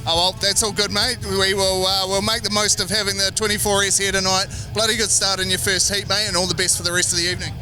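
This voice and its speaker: Male Kiwi pit reporter, high voice, casual and blokey, upbeat, music bed underneath. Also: level tone, fast talker, hardly any pauses. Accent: New Zealand. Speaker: commentator and pit interviewer. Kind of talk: casual sports interview. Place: outdoors in speedway pits. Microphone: handheld interview microphone. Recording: music behind trackside speech.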